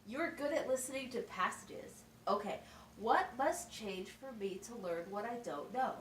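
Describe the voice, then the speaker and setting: In an unhurried, animated voice that sits a little high, a woman plays a patient puppet-show teacher for an amateur production. She sounds encouraging, explaining things plainly and asking checking questions. The mic is distant, so the sound is roomy with faint noise.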